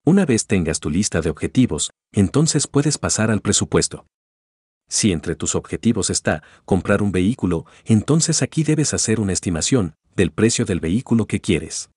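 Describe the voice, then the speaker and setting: Deep husky male narrator, dry sound. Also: dry recording. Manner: calm instructive second-person advice. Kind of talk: scripted narration.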